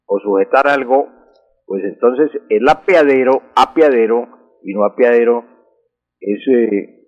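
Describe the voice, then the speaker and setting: Husky man explaining words on radio. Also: mid-range voice. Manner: explanatory, repeats words for emphasis. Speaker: language expert answering listener questions. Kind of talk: radio language segment. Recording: dull lo-fi radio recording.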